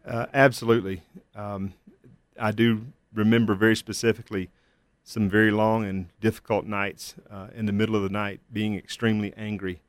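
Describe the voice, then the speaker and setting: A man as an interview guest and father, telling his story in a measured, candid way with hesitant fillers. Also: lowish voice, little pitch movement, dry recording. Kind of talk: reflective personal testimony.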